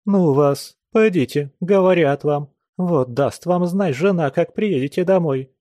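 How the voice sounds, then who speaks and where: A man's voice: a little high, a little slow, warm tone, no room sound, clean studio sound, voice pushed up, close to an everyday voice. A man reading aloud plays a household maid who grumbles and scolds in a raised voice. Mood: grumbling. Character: grumbling serving woman.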